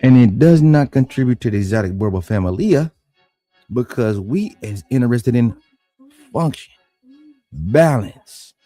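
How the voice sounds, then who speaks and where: A man talks straight into the mic in a dry, close room, faint music playing low behind him. His delivery is blunt and combative, built on one rhetorical challenge after another. His voice climbs high when he gets heated. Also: lively intonation, unhurried, pauses often, dark tone, no echo. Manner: voice rises high when worked up. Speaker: dog breeder and channel host. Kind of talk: heated casual monologue.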